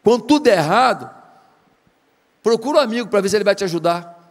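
A man's voice: sits high, lively intonation, fast, long reverb tail. A man with a Brazilian Portuguese accent preaching a sermon, retelling a story dramatically and firing rhetorical questions at the congregation. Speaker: pastor.

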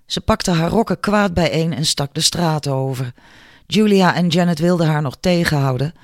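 A man's voice: fairly high pitch, normal speed, dry recording. Man narrating an audiobook, dry and close. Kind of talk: scripted narration.

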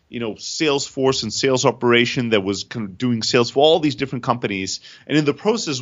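In a frank interview, a founder in his thirties, Greek by origin and raised in Germany, recounts his journey with energetic, jittery delivery. He speaks at an average pitch, keeps restarting sentences and doubling up words, and the sound is a bit muffled and lo-fi.

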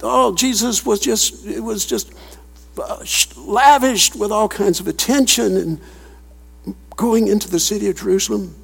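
A man preaching a sermon, reading scripture aloud and commenting on it in an animated way, with chuckling asides and questions to the congregation. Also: high-pitched, measured pace, gravelly, breathy edge. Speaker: pastor. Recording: long hall reverb.

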